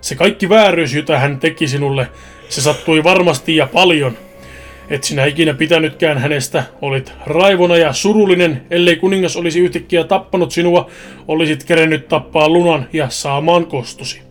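Man doing a loud taunting devil. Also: fairly high pitch, fairly even intonation, soft background music, lightly acted. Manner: taunting, loud, mocking laughter. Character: gloating male devil, cruel and mocking.

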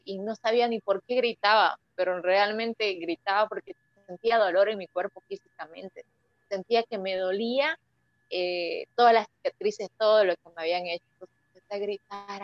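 Halting young woman, dry muffled sound. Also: medium pitch, no room sound. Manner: emotional, halting, many restarts. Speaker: interview guest. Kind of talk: personal testimony.

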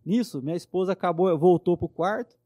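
A man speaks in a notably high but soft, mellow voice. He tells a personal story with earnest fervor, often checking in with little tag questions. The sound is close and dry, with no room echo. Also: fairly quick, dull audio. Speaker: guest. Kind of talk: personal testimony in conversation.

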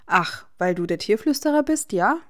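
A woman voicing a guarded, sharp-tongued teenage wizard boy with a dry, teasing manner. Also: mid-range voice, animated, moderate pace, natural voice.

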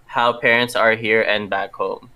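Young guy just chatting, loads of slang n bro, swears a lot, sharp bright voice. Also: lowish voice, little pitch movement, measured pace, smooth, rough recording. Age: young adult. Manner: casual street slang, frequent bro, man and swearing. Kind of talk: casual chat.

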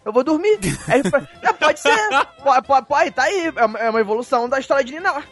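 A man's voice: extremely high pitch, lively intonation, fairly quick, fairly bright tone, soft background music. A man co-hosting a casual podcast chat, rambling with frequent stammered restarts. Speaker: podcast co-host.

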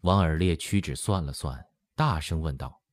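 Deep guy reading a historical novel audiobook, really lively delivery, no room sound. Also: normal speed, no room sound. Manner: expressive storytelling, acts out quoted lines. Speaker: narrator. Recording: dry close studio sound.

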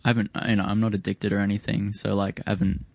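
Casual young male guest, broad Kiwi accent, lowish voice, close dry sound, rambling and slangy. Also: little pitch movement, fast talker, vocal fry, a little mellow, no room sound. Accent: broad New Zealand. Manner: laid-back, slangy, rambling. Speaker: musician guest on a music show. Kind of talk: casual chat.

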